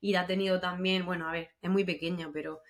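A woman from co-hosting a podcast, speaking in a measured, slightly hesitant way. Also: fairly low pitch, flat delivery, a crowd in the background. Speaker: podcast co-host. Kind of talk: casual conversation.

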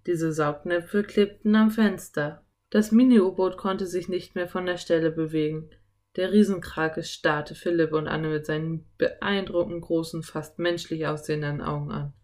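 A woman narrating a children's audiobook in an even, measured reading voice. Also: on the low side.

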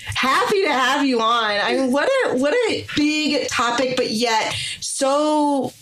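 A woman's voice: sits high, expressive, slow pace, fairly bright tone, soft background music. A woman hosting a podcast interview, enthusiastic and chatty, often saying "like". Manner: enthusiastic, uses fillers like "like". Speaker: podcast host.

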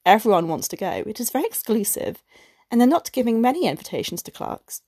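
A woman's voice: on the high side, very animated, fairly quick, dark tone, slightly rough, no echo, heavily acted. Eager-to-please husband, voiced by a woman storyteller, stammering and coaxing, dry close sound. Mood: pleading. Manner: stammering, pleading. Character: anxious, eager-to-please clerk husband, male.

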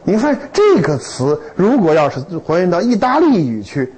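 A man lecturing to students in a lively, humorous way, with stories and rhetorical questions. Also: high-pitched, normal speed, husky, low-quality recording.

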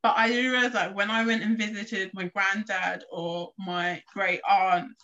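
A young Englishwoman co-hosts a casual podcast, telling a story in a mid-range, slightly bright voice with little pitch movement. She's unhurried and chatty, often restarting her sentences. The recording sounds a bit muffled and lo-fi.

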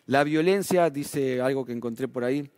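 A man with a Rioplatense Spanish accent delivers a sermon in a chatty, conversational way, checking in with his listeners through short tag questions. His voice is mid-pitched, and he lifts and drops it to stress key points. The sound is dry and close, with no room echo. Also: moderate pace, darkish tone, clear, resonant tone. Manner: conversational preaching with tag questions, voice rising and falling for emphasis. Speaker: pastor.

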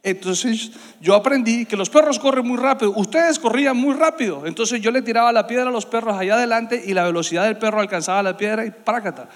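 A plainspoken mother explains herself, matter-of-fact, as a man quotes her. The voice is high and rings out in a church hall with a long reverb. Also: quick pace, few pauses, lightly acted. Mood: explaining.

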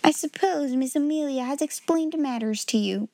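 A woman voicing a cold, domineering schoolmistress with a sharp, scolding manner, in a storybook reading. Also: high voice, moderate pace, voice pushed up. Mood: cold, commanding.

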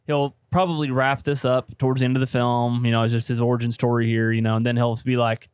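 A man's voice: mid-range voice, level tone, fast talker, a little mellow, clear, resonant tone, dry recording, clean studio sound. A man co-hosting a casual movie podcast, talking with enthusiasm and plenty of fillers. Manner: enthusiastic, chatty, many fillers. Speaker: podcast co-host.

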